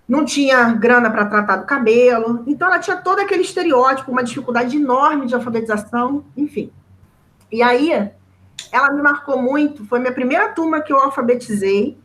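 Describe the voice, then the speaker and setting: A teacher with a Brazilian Portuguese accent recounts a painful memory from her classroom. Her voice sits a little high for a woman, and she talks in a loose conversational way full of tag questions. She is moved, at moments near tears. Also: a bit bright, low-quality recording. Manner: emotional, close to tears at times. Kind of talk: personal story in a discussion.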